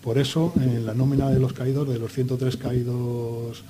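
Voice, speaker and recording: A man from Spain, a guest historian on a radio panel, speaking in a measured way with many hesitations. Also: medium pitch, level tone, warm tone, slight background noise. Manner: measured, hesitant with frequent fillers.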